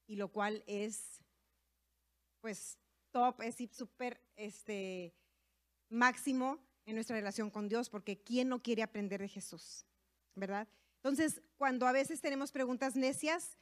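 A woman giving a conversational sermon to women, sprinkling in tag questions and fillers as she talks. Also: a little high. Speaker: women's ministry speaker.

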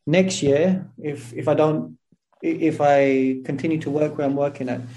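A man's voice: a little high, steady tone, normal speed, mellow, low-quality recording. A man with a South London accent giving conversational, explanatory interview answers, often restarting and correcting himself as he goes. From South London, England. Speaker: interview guest, academic historian.

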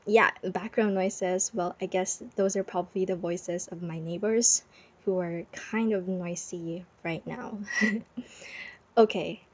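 A woman's voice: mid-range voice, no echo. A woman podcast host giving a chatty, encouraging talk from her bed, muffled under a blanket, with frequent giggles. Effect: muffled, close sound from under a blanket. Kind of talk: casual motivational talk. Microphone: close microphone.

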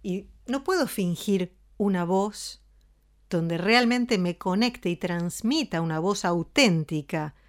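Calm woman teaching voice. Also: fairly low pitch. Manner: calm, explanatory, demonstrates ways of speaking. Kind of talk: spoken voice lesson.

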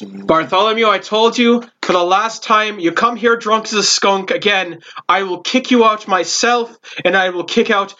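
Casting: woman performing as blunt, exasperated dwarf tavern keeper for tabletop fantasy, pitched up, muffled noisy recording. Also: normal speed, few pauses, sharp tone, natural voice. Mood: scolding. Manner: exasperated, scolding. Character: squat gruff dwarf woman innkeeper, scolding and blunt. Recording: dull lo-fi, noisy, clicks.

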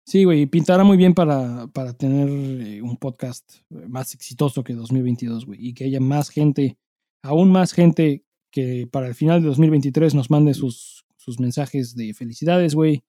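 Heard on a dry, clean studio recording, a Mexican man co-hosts a podcast in a mellow, medium-pitched voice at normal speed. He chats casually, cursing freely and leaning hard on heavy slang with emphatic delivery.

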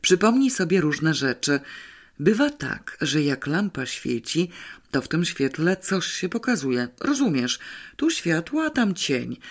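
A man's voice: on the high side, exaggerated voice. A man doing an eager young girl sleuth. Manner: excited, reasoning things out.

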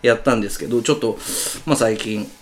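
A man with an Osaka Kansai accent, co-hosting a casual radio-style chat and telling stories in a quick, animated way. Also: lowish voice. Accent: Osaka Kansai dialect. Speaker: co-host.

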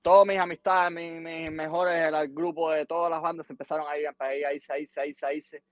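On the high side and fairly quick, a middle-aged Cuban man's voice carries a long podcast story, recorded with no echo. He's a guest musician with a Cuban Spanish accent who animatedly repeats words and acts out what people told him.

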